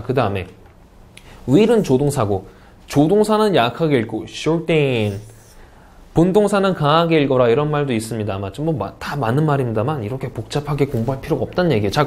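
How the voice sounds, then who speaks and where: A man's voice: a little high, a little mellow. A man from South Korea teaching an English speaking test course in an online lecture, often putting questions to his students and answering them himself.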